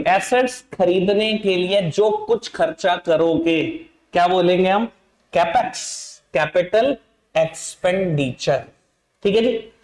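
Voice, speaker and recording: A man's voice: high voice, a little mellow, reverberant. A male accounting teacher giving an online class lecture in speech, playful and teasing as he talks straight to his students.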